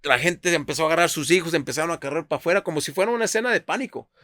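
A man's voice: on the high side, rapid-fire, no room sound. A man from Culiacán, telling a wild story with plenty of swearing and English thrown in. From Culiacán, Mexico. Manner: excitable, profane, switches into English. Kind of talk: animated storytelling with slang and English phrases.

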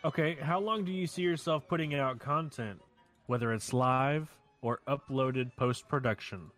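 Male stream co-host, mid-pitched, casual, folksy and sweary, music in the background. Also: normal speed, a bit bright. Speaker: live stream co-host and interviewer. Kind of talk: casual live stream banter. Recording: music behind the voice.

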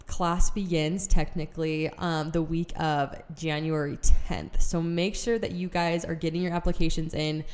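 A woman's voice: on the low side, a little mellow. A young woman hosting a podcast in casual chat, bubbly and gushing, with lots of filler words. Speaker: podcast host.

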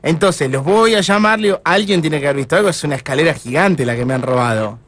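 A man's voice: a little high, animated, fast, a bit bright. An Argentine man doing a prank phone call, feigning fluster and apologizing a lot. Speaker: radio prank caller.

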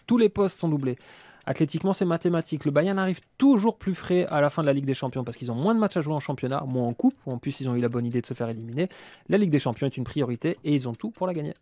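A man's voice: on the high side, expressive, fast, dark tone. A man narrating a footballer's story and arguing his case as a pundit, punchy and story-driven. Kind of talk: scripted narration and argument.

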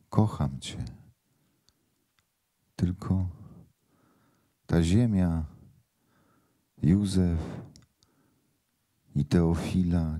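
A man's voice: sits low, warm tone, exaggerated voice. A man reading the lines of a young mother torn between love and duty, in a book reading.

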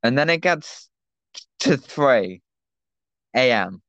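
A man's voice: mid-range voice, animated, slow, fairly bright tone, no echo, lo-fi sound. A teenage man, co-hosting a casual podcast and telling a rambling anecdote with lots of fillers over an online call. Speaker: podcast co-host. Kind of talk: casual chat, storytelling.

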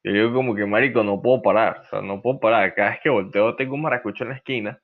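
A man's voice: lowish voice, fairly even intonation, fast talker. A young man chatting casually with friends, rambling and slangy, telling stories. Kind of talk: casual chat among friends. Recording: slightly muffled lo-fi recording.

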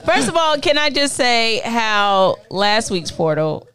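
A bubbly woman hosts a church podcast in a loose, chatty way, teasing her guests and laughing a lot. Her voice sits a little high. A live audience is there in the room with her. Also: very animated, takes it slowly, a bit bright, clear, resonant tone. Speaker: podcast host. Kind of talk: lively casual chat.

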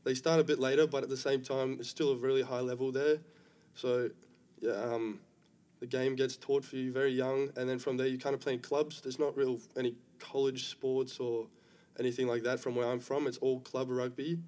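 A young man from Africa speaks. He answers questions in a relaxed, easygoing way, with his pitch held level and unvaried. He sounds calm and unhurried. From South Africa. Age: young adult. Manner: relaxed, easygoing, many fillers. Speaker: guest rugby player. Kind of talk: casual interview chat.

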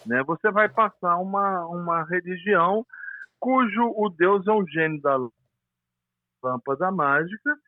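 A male pastor with a Brazilian Portuguese accent talks over a narrow, tinny phone line, his voice pitched high. He explains doctrine earnestly, often restarting phrases as he hunts for words. The line is dry and close, with no room sound. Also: a little slow, no room sound. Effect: heard over a phone line. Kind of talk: theological discussion on a call.

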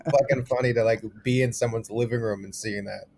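Brief: young male comedian, podcast co-host, mid-range voice, animated storyteller with a foul mouth. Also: mid-range voice, fairly quick, vocal fry. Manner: animated storytelling, swears often. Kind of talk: casual chat.

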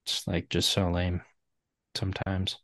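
A man's voice: low voice, completely flat delivery, measured pace, a bit bright, no room sound, clean studio sound. A man co-hosting a casual book discussion podcast, rambling with lots of "like" fillers. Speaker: podcast co-host.

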